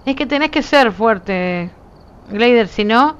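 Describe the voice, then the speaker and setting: Hoarse Uruguayan woman chatting emphatically. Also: fairly high pitch, lively intonation, slow, lo-fi sound, slight background noise. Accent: Uruguayan Spanish. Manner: emphatic, talks with her hands in her voice, frequent "¿viste?". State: nearly lost voice. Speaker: streamer. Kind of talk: casual chat with viewers.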